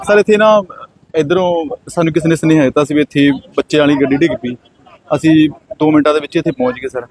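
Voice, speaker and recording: Man, police constable, punjabi accent, outdoors by a canal, fast halting speech, a bit high-pitched. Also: darkish tone. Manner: emotional, halting, says sir often. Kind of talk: on-the-spot interview.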